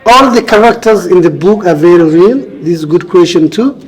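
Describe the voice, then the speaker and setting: A man's voice: high-pitched, animated, moderate pace, crowd noise, low-quality recording. A man with a Somali accent answering interview questions, explaining earnestly and repeating phrases for emphasis. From Somalia, grew up in Kenya. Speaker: interview guest, author and refugee advocate.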